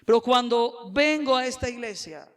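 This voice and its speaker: A man, a pastor preaching a sermon in a church, moving between quiet personal testimony and loud, emphatic preaching. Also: very high voice, lively intonation, moderate pace.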